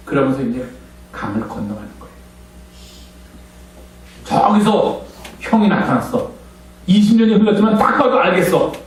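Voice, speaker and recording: A high-pitched man tells a lively Bible story to children, acting out the characters and quizzing his young listeners. His voice rings through a very echoey church hall, picked up from some distance with a faint hum underneath. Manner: asks the children questions. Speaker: children's Sunday school preacher.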